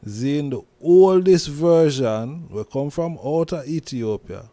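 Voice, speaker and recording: A man with a Jamaican accent, talking through a casual commentary monologue as host, slowly, with many restarts and repeated words. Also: on the high side, expressive, mellow, no room sound. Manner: slow, repetitive, with many restarts and "you see me?".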